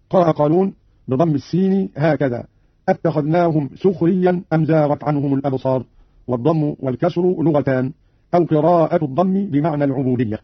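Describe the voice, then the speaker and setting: A man presenting on radio, explaining variant Quran readings in a measured, didactic manner, quoting each verse before explaining it, heard on a dull lo-fi archival radio recording. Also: fairly high pitch, breathy edge, no echo. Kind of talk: scholarly explanatory narration.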